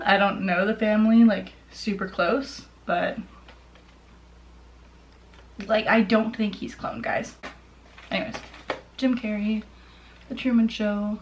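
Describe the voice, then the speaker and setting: Speaking slowly with long pauses, a young Ontario vlogger gushes informally to camera about her personal collection. Her medium-pitched voice is a little bright, and there's a slight hiss or hum in the recording as she rambles along.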